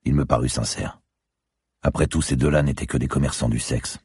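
A man reading a first-person thriller audiobook in a grim, measured way. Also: rumbling low, steady tone, darkish tone, husky, no echo, clean studio sound. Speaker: audiobook narrator. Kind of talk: scripted thriller narration.

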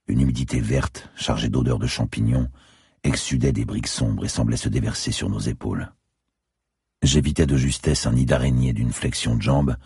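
A man narrating a dark crime thriller in the first person, with a measured, descriptive reading. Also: rumbling low, breathy edge, dry recording, clean studio sound. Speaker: audiobook narrator.

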